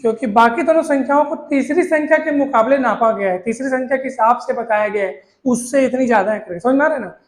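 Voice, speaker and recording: A man's voice: extremely high pitch, quick pace. A male maths teacher, explaining a lesson in a coaxing way, repeating points and asking his students questions. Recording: echoey room.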